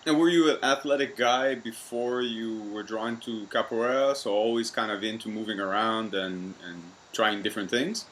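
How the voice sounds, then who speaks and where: A man's voice: fairly low pitch, steady tone, normal speed, hardly any pauses, a bit bright, a little hiss or hum. A man hosting a podcast in a conversational interview, upbeat and friendly, laughing easily as he asks questions. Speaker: podcast host. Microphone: video call.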